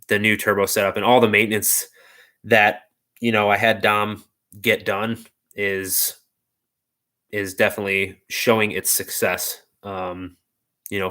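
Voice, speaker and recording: Young male host, lowish bright voice, loose laid-back live-stream chatter full of fillers. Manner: loose, rambling, heavy on "like" and "dude". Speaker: car channel host. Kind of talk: casual live stream chat.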